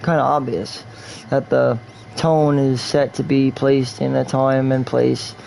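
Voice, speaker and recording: A man from New York, USA rambles through casual game stream commentary, repeating himself and drifting in and out of a fake English accent. His mid-range voice is slow, flat, gravelly and a bit dark, with slight background noise.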